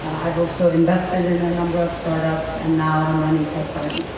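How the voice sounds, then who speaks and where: A woman's voice: deep voice, completely flat delivery, fairly quick. A woman in her fifties, an engineer and entrepreneur, speaking steadily and earnestly on a panel. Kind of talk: panel answers. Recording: echoey hall, mic far, noisy.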